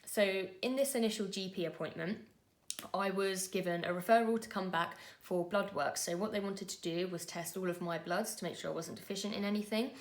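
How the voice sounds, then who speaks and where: A woman, telling a personal story to camera in an earnest, conversational way with frequent pauses and fillers. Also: fairly low pitch. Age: 20s. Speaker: vlogger.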